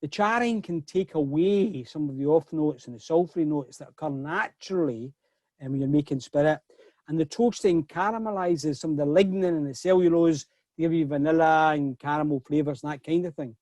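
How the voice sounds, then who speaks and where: A man's voice: on the high side, fairly quick, a little mellow, no room sound. A middle-aged man hosting a whisky tasting over a video call, chatty and often repeating words as he starts a sentence. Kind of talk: casual online tasting talk.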